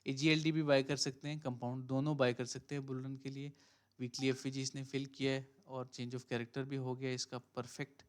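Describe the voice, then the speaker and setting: With a medium pitch, little pitch movement, and a slightly fast pace, this crypto trading mentor thinks aloud on a live stream while going through trading charts. His casual Hindi-Urdu is peppered with English phrases, lots of fillers, and repeated "ठीक है".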